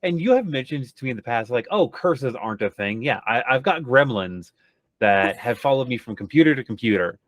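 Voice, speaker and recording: A man's voice: mid-range voice, expressive, a little fast, dry recording. A man playing in a tabletop game, chatting in a dry, matter-of-fact way. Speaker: player. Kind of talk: casual tabletop chat.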